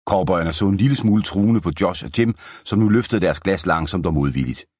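Deep husky audiobook narrator man. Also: dry recording. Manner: steady storytelling. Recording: dry close studio sound.

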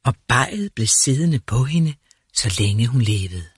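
A man reads a fairy tale aloud in a calm, measured way. His voice is slightly husky and sits at a middle pitch. The recording sounds close and dry. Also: no echo. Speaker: narrator.

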